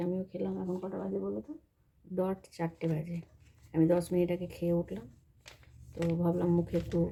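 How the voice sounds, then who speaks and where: A woman's voice: lowish voice, creaky, mellow, slightly rough. A woman chatting casually in a home vlog, explaining things as she shows them around her house. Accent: Bengali. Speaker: vlogger.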